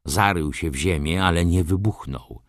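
A man reading a story aloud in the first person, with expressive scripted narration. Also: low voice, moderate pace, no room sound, studio quality. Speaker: audiobook narrator.

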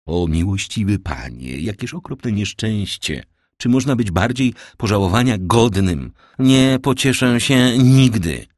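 A man's voice: fairly low pitch, a little slow, few pauses, no echo, clean studio sound, voice pushed up. A man voicing a despairing male minister of police who pleads and stammers before his king. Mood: pleading.

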